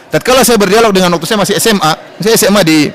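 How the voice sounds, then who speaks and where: A male preacher with a fairly high voice lectures at a quick clip. He lifts his voice when he quotes scripture, giving the talk an animated, emphatic drive. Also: rough recording. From Indonesia. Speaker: Islamic preacher. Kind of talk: religious study lecture. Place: large mosque.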